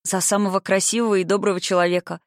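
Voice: mid-range voice, fast, no room sound, clean studio sound, natural voice. An audiobook reader voicing an impulsive young noblewoman in love, who speaks eagerly and breathlessly. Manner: eager, breathless, rising excitement. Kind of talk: audiobook reading.

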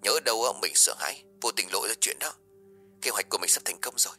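A man voicing a scheming young man who talks in a fast, sharp, dismissive way. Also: on the low side, soft background music. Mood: urging.

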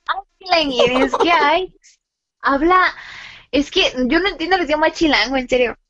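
Brief: high, bright Veracruz woman co-host, playful, dull lo-fi sound. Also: normal speed, no echo. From Veracruz, Mexico. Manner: playful, giggly. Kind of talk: comedic radio chat.

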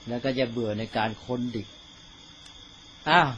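A man, a Buddhist monk, giving an informal dharma teaching to fellow monks in a slow, deliberate way, often checking that his listeners follow. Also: medium pitch, fairly bright tone, dull audio, a little hiss or hum.

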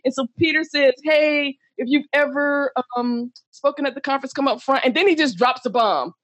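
Woman, podcast guest, lively storyteller, acts out voices, swears, dry close sound. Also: sits high, normal speed, dry recording. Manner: animated storyteller, acts out quotes, swears and laughs. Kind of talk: casual chat.

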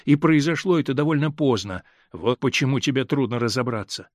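A male reader voicing a hurt, stern middle-aged husband in an audiobook, speaking in a measured, grave way that holds back pain. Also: mid-range voice, animated, no echo, studio quality, natural voice. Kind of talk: audiobook character reading.

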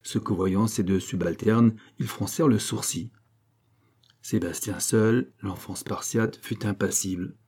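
An audiobook reader with a lowish, creaky, slightly rough voice narrates a classic novel, measured and expressive in his storytelling.

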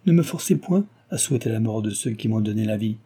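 A man's voice: lowish voice, expressive, fast talker, dark tone, husky. A man voicing an ardent, passionate young suitor in an audiobook, pleading with energy. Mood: impassioned. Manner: impassioned, pleading.

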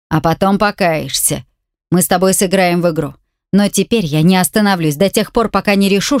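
A woman's voice: mid-range voice, no room sound, studio quality, natural voice. A woman reading an audiobook voices a furious, brutal man who snarls threats and insults. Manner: snarling, menacing, shouting insults.

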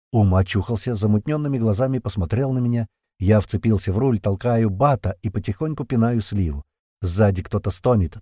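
Lively low-voiced male narrator. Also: husky, dry recording, clean studio sound. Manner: lively, tense storytelling with swearing. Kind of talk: first-person audiobook narration.

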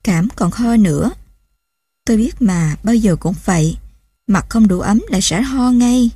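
A woman voicing a dazed, mentally lost young mother in a storybook reading, speaking softly and caringly. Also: mid-range voice, expressive, unhurried, breathy edge, dry recording. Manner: soft, caring and distracted.

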